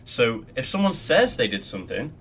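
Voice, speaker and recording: In a laid-back screen-recorded tutorial, a young Australian guild member explains raid logs from his desk, rambling with many ums and the occasional curse. He speaks at normal speed in a medium-pitched, sing-song, fairly bright voice, with slight background noise.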